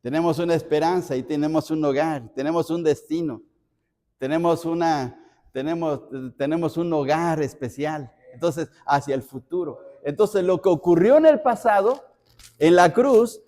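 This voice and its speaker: High-voiced pastor teaching in a hall. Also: male voice, darkish tone. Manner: explanatory, repeats phrases for emphasis. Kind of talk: Bible study teaching. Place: church.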